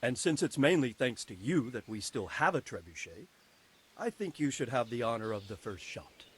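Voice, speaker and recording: An actor voicing a commanding noble lord in a video game, giving measured orders. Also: male voice, medium pitch, sing-song, a bit bright, breathy edge.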